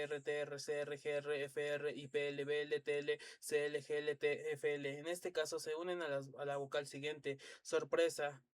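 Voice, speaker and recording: A man's voice: on the high side, dry recording. A man reading an encyclopedia lesson aloud, stumbling and restarting words, with dry asides. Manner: halting, stumbles and restarts words, spells out letters, drops asides. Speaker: reader of an encyclopedia.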